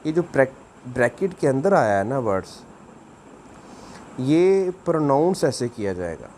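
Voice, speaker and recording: A man's voice: mid-range voice, very animated, measured pace, a little mellow, slight background noise. A man, giving a video language lesson, explaining patiently and repeating words for practice. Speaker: language teacher.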